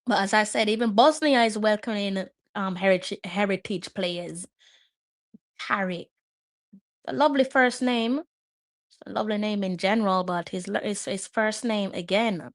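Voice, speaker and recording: She hosts a live watch-along of a match, her medium-pitched voice at a normal speed with no echo. Chatty throughout, she muses aloud as she reads about the players.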